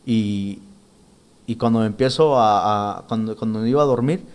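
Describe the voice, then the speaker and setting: A man, a church minister, giving an earnest spoken testimony, halting often and repeating and restarting his words. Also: on the low side, darkish tone, clear, resonant tone.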